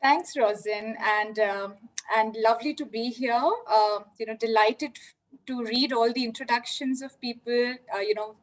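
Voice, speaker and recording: A woman's voice: a little high, steady tone, unhurried, rough recording. A woman from India, speaking reflectively as a panelist in a virtual panel discussion, over a video call and with many "you know" fillers. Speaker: panelist, leadership development.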